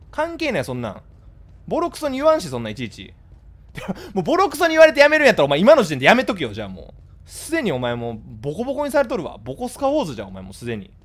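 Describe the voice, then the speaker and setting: A man with a Kansai accent chatting casually with his live-stream viewers, blunt and scolding in rapid-fire retorts. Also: high voice. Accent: Kansai Japanese.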